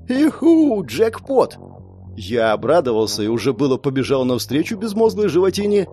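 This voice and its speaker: A young man narrating an audiobook in an expressive, animated storytelling manner. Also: medium pitch.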